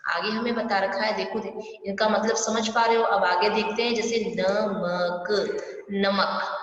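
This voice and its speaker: A woman's voice: medium pitch, fairly even intonation, fairly quick, a little hiss or hum. A woman teaching an online primary school Hindi class, explaining step by step and often asking her pupils questions. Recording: distant, echoey, dull room recording.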